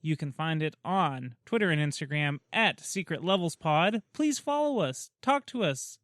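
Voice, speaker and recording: Bright-voiced, high male podcast host. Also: very animated, normal speed, no echo, studio quality. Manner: self-deprecating, laughs often. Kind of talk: casual chat.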